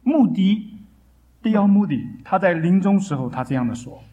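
A preacher delivers a sermon in short bursts, stopping after each for an interpreter. The voice rises with vivid stories and sinks low and slow on the solemn ones. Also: animated, mellow, highs cut off. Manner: dramatic, slows and drops for solemn lines.

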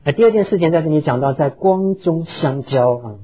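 A man's voice: on the high side, expressive, fairly quick, slightly rough, dull audio. A pastor preaching a sermon, earnestly telling stories and slipping English words into his talk. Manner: earnest, heartfelt storytelling.

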